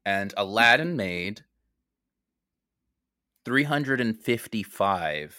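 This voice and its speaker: A man's voice: lowish voice, lively intonation, slow, sharp tone, no echo, studio quality. A man co-hosting a casual comedic podcast, joking around while he runs a quiz game for his guests. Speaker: podcast co-host and quizmaster.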